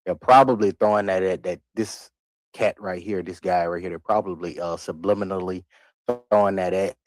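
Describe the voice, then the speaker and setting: Speaking into a desk mic at normal speed, a live-streaming man rambles through reaction commentary, laughing between comments and repeating himself. His voice sits low, with fairly even intonation and no echo.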